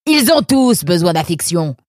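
A man voicing a stout, bossy female fox nursemaid in a storybook reading, loud and harsh as she scolds. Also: very high voice, sing-song, fairly quick, no echo, clean studio sound, voice pushed up. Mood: scolding.

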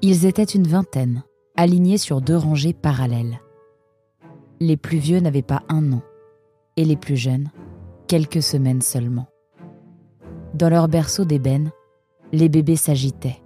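A man narrating a storybook in a measured, steady way. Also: a little high, breathy edge, soft background music. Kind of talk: storybook reading.

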